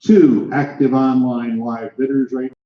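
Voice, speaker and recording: An American male auctioneer runs a live sale in a roomy, reverberant space. He rattles through rising figures in clipped auction patter and keeps calling out for the next bid. His mid-pitched voice comes through a little dull. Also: steady tone, a little slow. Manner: auctioneer's patter, clipped numbers and repeated calls to bidders. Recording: echoey room, slightly dull sound.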